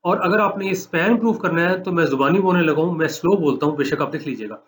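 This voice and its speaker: A man giving a recorded mathematics lecture, walking students through each step, repeating points and dictating slowly for notes. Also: a little high, animated. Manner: explanatory, repeats steps, dictates slowly for note-taking. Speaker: math lecturer.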